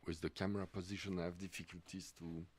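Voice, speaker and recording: A middle-aged Swiss man with a French accent giving live commentary on a race, halting and full of fillers. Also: low voice, little pitch movement, slightly rough. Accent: French-speaking Swiss. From Switzerland. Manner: halting, many fillers and restarts.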